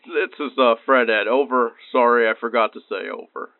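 A man playing a lazy male assistant fire chief who talks haltingly with radio sign-offs, heard over a police-style two-way radio. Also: medium pitch, creaky, dry recording. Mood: casual. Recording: tinny radio line, dry.

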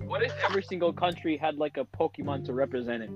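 A young man jokes around with his friends in a playful, goofy way. His voice is a little high and the recording sounds dull and lo-fi. Clear music plays in the background. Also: lively intonation, fast. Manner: playful, laughing, goofy bits. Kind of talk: casual chat.

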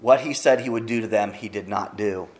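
A man's voice: on the low side, fairly quick. A man preaching a sermon, retelling a Bible story in a conversational way with easy asides to the congregation. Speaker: pastor.

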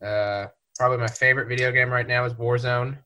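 Bright-voiced young man. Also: mid-range voice, flat delivery, brisk, smooth. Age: young adult. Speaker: podcast co-host. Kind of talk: casual chat.

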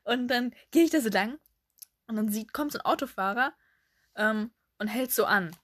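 A young woman co-hosting a casual chat, animated, acting out her younger self and laughing often as she tells a story. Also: fairly high pitch, normal speed, no echo. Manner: animated, acts out her younger self with sudden loud cries; laughs often while telling. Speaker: podcast co-host.

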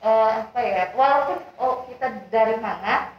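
Brief: young woman guest from Kalimantan, quick rambling talk, slightly high voice, echoey room far from the mic. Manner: rambling, many fillers and acted quotes. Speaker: student guest. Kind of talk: casual discussion. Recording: echoey, distant, slightly dull.

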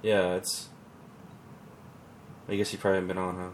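A man co-hosting a podcast in casual chat, relaxed and rambling with fillers and restarts. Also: low-pitched, normal speed. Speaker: podcast co-host.

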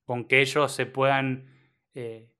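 Man, film podcast, mid pitch, thoughtful and halting. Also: flat delivery, sharp tone, clear, resonant tone. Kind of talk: casual film discussion.

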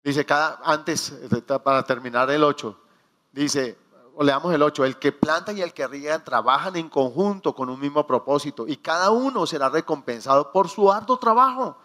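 A man preaching a sermon, telling stories with acted asides and slowing down to stress key phrases. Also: fairly high pitch, sharp tone. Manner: storytelling with acted asides and quoted prayers.

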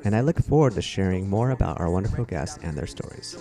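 A man's voice: deep voice, animated, fast, dark tone, soft background music. A man, a school counselor, hosting a podcast interview with an upbeat, encouraging manner.

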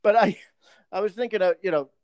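A man's voice: high-pitched, brisk, darkish tone, clean tone, no room sound. A man co-hosting a podcast, chatting casually and joking with plenty of swearing. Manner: joking, swearing, slips into a mock British accent. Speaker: podcast co-host. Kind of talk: casual chat.

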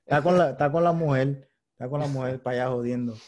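A man's voice: medium pitch, fast, a little mellow. A man hosting a podcast, talking frankly and casually, swearing often and thinking aloud. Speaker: podcast host. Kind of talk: casual chat.

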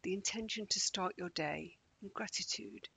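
A man leading a guided morning meditation in a slow, gentle, calming way, often dropping close to a whisper. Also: sits high, gravelly, slightly rough.

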